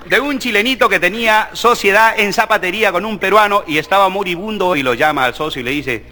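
A man's voice: sits high, quick pace, pushed and bright. A man telling jokes and chuckling through them. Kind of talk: joke telling.

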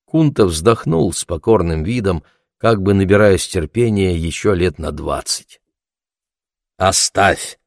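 Deep-voiced man narrating an audiobook. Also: animated, a little mellow, dry recording, studio quality. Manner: measured, reflective.

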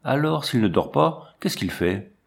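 A man voicing a blunt, sturdy soldier who speaks in a calm, curt, matter-of-fact way. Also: medium pitch, a little slow, creaky.

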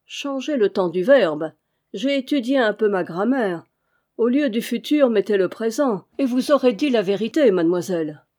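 A woman's voice: fairly high pitch, animated, moderate pace, warm tone, natural voice. A woman reading as a cynical mocking valet. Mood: insolent. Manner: smooth, insolent, coolly ironic.

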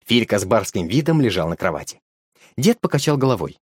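A man narrating a storybook in a lively, expressive reading. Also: lowish voice, fairly quick, husky, no echo, studio quality.

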